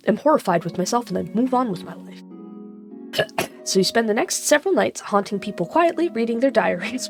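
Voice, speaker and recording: A woman with a fairly high, gravelly voice reads an interactive gamebook out loud, often breaking off for chatty, irreverent asides in which she swears and laughs at herself. Music plays in the background.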